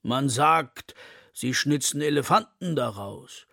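A big, gentle elephant, as a man puts him on for a storybook, talking slowly and full of longing. The voice is a little gravelly and close, in a dry room. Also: medium pitch, animated, no room sound, full character voice. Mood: wistful. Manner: slow, longing, soft-spoken. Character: gentle, wistful male elephant, big and slow.

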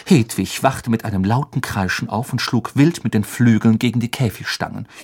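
A woman narrating an audiobook with expressive storytelling. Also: extremely low pitch, moderate pace, breathy edge. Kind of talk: scripted narration.

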